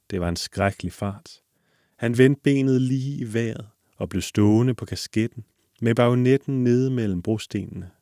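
A man reads a classic fairy tale aloud at a calm, measured pace. His voice sits low, and the recording is dry and close. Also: dry recording. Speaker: narrator.

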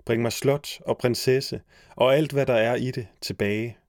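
A man's voice: mid-range voice, steady tone, no room sound, clean studio sound, natural voice. A man voicing a young hero in a storybook reading, earnest and commanding. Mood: resolute. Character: young male hero, resolute.

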